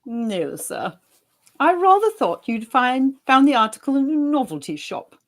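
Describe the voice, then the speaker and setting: A man's voice: very high-pitched, sing-song, measured pace, fairly bright tone, voice pushed up, exaggerated voice. A man voicing a prim, disapproving male valet, who speaks stiffly and formally. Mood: coolly disapproving.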